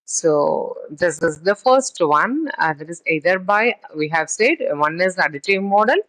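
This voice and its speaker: A woman's voice: fairly low pitch, animated, a bit bright, poor audio. A woman giving a recorded statistics lecture, reading from a text and then explaining it in her own words, with frequent fillers and restarts. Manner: halting, with many fillers and restarts.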